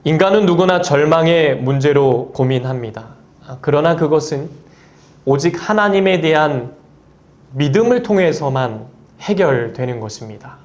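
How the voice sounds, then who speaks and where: A man's voice: fairly high pitch, expressive, normal speed, darkish tone. A man preaching a Sunday sermon as pastor, quoting scripture earnestly and lifting his voice on key phrases. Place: church sanctuary.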